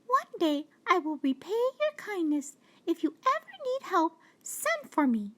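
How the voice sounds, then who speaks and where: A woman voicing a small, polite, gentle female mouse in a squeaky storybook voice. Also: very animated, unhurried, heavily acted. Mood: grateful, earnest. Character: tiny timid, grateful, kind female mouse.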